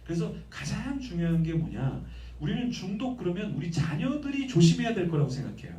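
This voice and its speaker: A male pastor preaching a sermon in lively, conversational style, often asking the congregation questions. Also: sits high, a little fast, roomy sound, far from the mic. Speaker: guest pastor. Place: church sanctuary.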